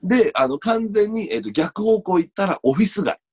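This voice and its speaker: A man playing an excitable young man from Chiba in a remote comedy sketch, rambling with many fillers over a video call. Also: high-pitched, moderate pace, breathy edge, full character voice. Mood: eager. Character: eager young man from Chiba faking Kansai dialect.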